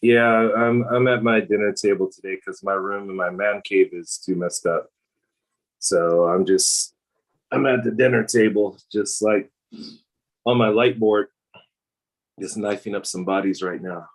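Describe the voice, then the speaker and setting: A man's voice: lowish voice, steady tone, a little slow, low-quality recording. A tired, laid-back man chatting casually on a video call from his dinner table at home. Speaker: regular chat participant. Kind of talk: casual group video chat.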